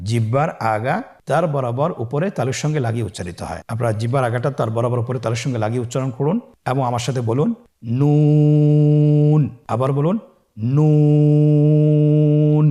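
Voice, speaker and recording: A man teaching Quran letter pronunciation step by step, slowly drawing out each letter for the listener to repeat. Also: mid-range voice, darkish tone. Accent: Bangladeshi Bengali. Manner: slow, drawn-out model pronunciations for the listener to repeat.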